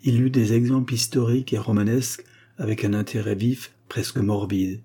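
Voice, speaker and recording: A man reading a short crime story aloud in a steady, measured narration. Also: lowish voice, slightly rough. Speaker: audiobook narrator. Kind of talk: scripted narration.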